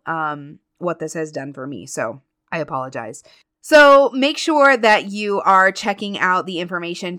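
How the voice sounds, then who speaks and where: A woman's voice: on the low side, pushed and bright. Upbeat chatty woman podcast host. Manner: upbeat, chatty, emotional at times. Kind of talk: casual podcast talk.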